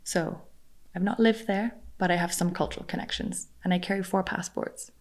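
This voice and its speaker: A woman's voice: on the low side, fairly even intonation, moderate pace. A young adult woman, raised in Costa Rica, talking casually as a podcast guest, chatty and self-deprecating, laughing often. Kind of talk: casual interview conversation.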